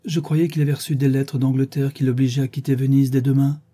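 A man's voice: mid-range voice, level tone, quick pace, warm tone, pitched above the performer's own voice, close to an everyday voice. A man reading the lines of a frightened, tender young Englishwoman in an audiobook, pleading and trembling. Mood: earnest.

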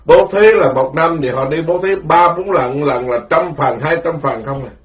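A man, a Buddhist monk, giving a rambling, animated dharma talk full of stories. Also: on the high side, normal speed. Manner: rambling, animated storytelling with quoted voices. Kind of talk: informal spoken sermon. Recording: dull lo-fi recording.

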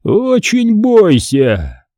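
A man reading an audiobook, voicing a stern, mysterious older male stranger who speaks quietly through clenched teeth. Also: high voice, sing-song, slow pace, no echo, studio quality, voice pushed up, heavily acted. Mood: ominous. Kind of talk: audiobook character voice.

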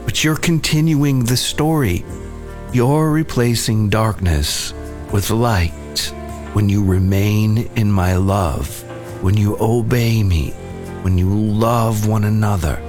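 Earnest man praying over soft music. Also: on the low side. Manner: earnest, gentle and heartfelt. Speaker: podcast host. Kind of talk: devotional reflection and prayer.

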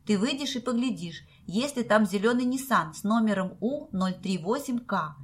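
A woman's voice: mid-range voice, expressive, normal speed, breathy edge. A woman reading the part of a genial middle-aged man, jovial and teasing, in a storybook.

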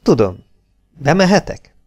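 A man voicing a smooth, confident male spy. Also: on the high side, very animated, darkish tone, faint music behind, pitched above the performer's own voice.

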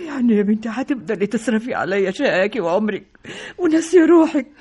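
An actress with an Egyptian accent playing an ailing, worried middle-aged mother in a radio drama, her voice husky and tearful. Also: fairly high pitch, expressive, fast, darkish tone. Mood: tearful tender.

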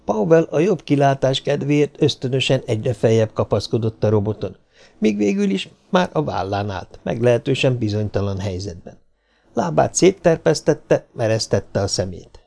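Gravelly male audiobook narrator. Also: mid-range voice. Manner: steady, measured storytelling. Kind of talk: audiobook reading of science fiction.

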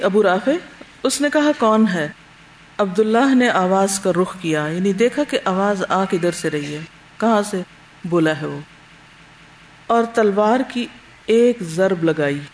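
Male religious teacher, high-pitched, reads a text aloud and explains it with rhetorical questions. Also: poor audio. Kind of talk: lecture on early Islamic history.

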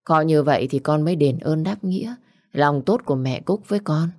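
A grown man with a fond, chiding way of giving advice, low in pitch and mellow, as a woman storyteller puts him on. The sound is dry. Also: fairly quick, dry recording. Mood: fatherly. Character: teasing grown man, fond uncle figure.

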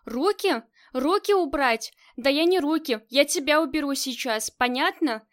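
A woman's voice: sits high, normal speed, close to an everyday voice. A woman voicing a stubborn, tough female gang leader in an audiobook, curt and commanding. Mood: tense. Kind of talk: audiobook character reading.

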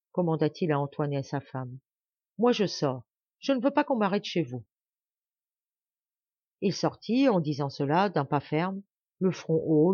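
A woman's voice: sits low, dry recording. A woman reads a classic novel aloud in a dry, close recording with slightly muffled sound. She narrates with expression and puts more force into the characters' speeches. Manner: expressive reading, raising voice for quoted speech. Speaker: audiobook reader.

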